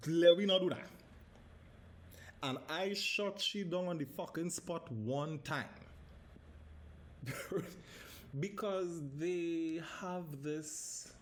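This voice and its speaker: A Trinidadian man in his thirties with a mid-range voice hosts a casual solo podcast, with slight background noise. He speaks with a Trinidadian accent, swears freely, and slips into Caribbean dialect.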